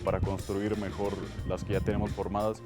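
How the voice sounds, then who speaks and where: Low-voiced young man introducing himself. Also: level tone, a little fast, over music. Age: 20s. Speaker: law student debater. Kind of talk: self-introduction.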